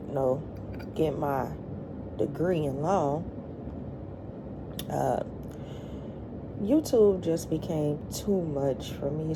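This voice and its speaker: A middle-aged woman vlogger chatting casually to her viewers while eating, in a halting, colloquial way. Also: low-pitched, vocal fry, noisy background.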